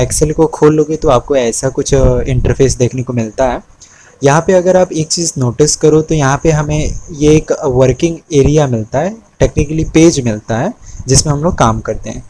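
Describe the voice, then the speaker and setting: Man teaching spreadsheets, mellow voice. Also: medium pitch, a little hiss or hum, rough recording. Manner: patient, repeats key terms, frequent "ठीक है" check-ins. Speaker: Excel instructor. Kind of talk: screen-recorded tutorial, mixing Hindi and English.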